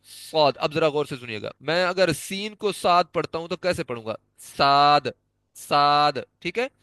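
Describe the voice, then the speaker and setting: Recorded with no room sound, a man's expressive, fairly high and fairly bright voice guides learners through Quran recitation. His pronunciation lesson involves patient explanation and repeated demonstration of each letter sound.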